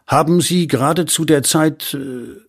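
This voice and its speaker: A man reading an audiobook, voicing a nervous palace official who speaks hesitantly and deferentially in a husky voice. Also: fairly high pitch, measured pace, voice pushed up, full character voice.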